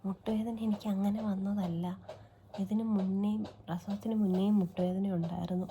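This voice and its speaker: A woman's voice: medium pitch, fairly even intonation, moderate pace, dark tone, a little hiss or hum. A young woman and mother chatting casually to viewers in a daily-life vlog, recorded on a phone at home. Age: young adult. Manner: chatty, talks straight to viewers. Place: family home and garden.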